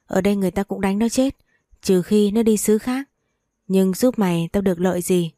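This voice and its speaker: A woman reading the part of a lecherous rich landlord who speaks slowly and drawls. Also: mid-range voice, warm tone, dry recording, natural voice. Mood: lazy, leering. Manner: slow, drawling, then sweetly menacing. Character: lecherous wealthy old landlord, male.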